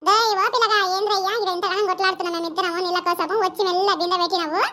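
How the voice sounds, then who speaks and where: A woman's voice: very high-pitched, little pitch movement, bright, forceful tone. A woman voicing quarrelsome village women with a Telangana Telugu accent, fighting over water pots in a comic village skit. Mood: scolding. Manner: scolding, bickering, rapid village talk.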